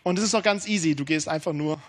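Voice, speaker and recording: A man in his thirties preaching a sermon, emphatic and informal, swinging between urgent and hushed delivery. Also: fairly high pitch, fast.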